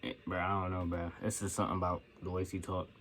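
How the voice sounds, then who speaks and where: A man's voice: sits low, monotone, quick pace, fairly bright tone. A young man telling a profane, slangy story about his coworkers in a casual rant. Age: young adult. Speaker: vlogger.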